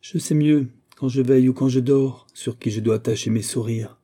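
A man reading aloud voices a proud, scornful young noblewoman, raising his voice higher and sharper for her haughty, indignant replies. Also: fairly even intonation, moderate pace, dark tone, lightly acted.

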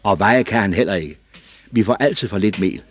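A man's voice: lowish voice, a little hiss or hum, lightly acted. A man playing a stern, scolding mother. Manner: sharp, dismissive.

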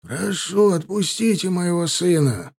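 A man's voice: high-pitched, a little slow, gravelly, darkish tone, husky, pitched above the performer's own voice, exaggerated voice. Man voicing an old, imploring shepherd. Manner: humble, imploring. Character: old male shepherd, humble and pleading.

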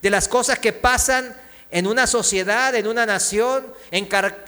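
A man's voice: high voice, sharp tone. A man with a Mexican accent preaching a sermon, emphatic, firing rhetorical questions at the congregation. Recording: long reverb in a hall.

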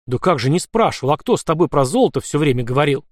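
A man's voice: a little high, expressive, fast, no echo, studio quality, natural voice. A man voicing a gloomy, grumbling male commissar in an audiobook. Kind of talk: audiobook character voice.

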